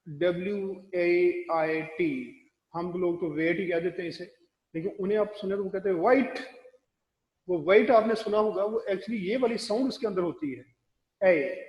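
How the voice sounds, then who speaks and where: A man teaching English pronunciation in a recorded classroom lecture, explaining slowly and spelling words out letter by letter. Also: sits high, echoey room, big-room sound, lo-fi sound.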